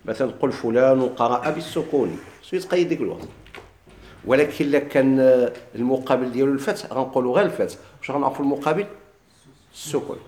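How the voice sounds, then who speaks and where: A teacher of Quran recitation with a Moroccan Arabic accent explains a classical text to his students, posing questions and answering them himself, and chants the quoted verses slowly. His mid-range voice has a darkish tone and a roomy sound.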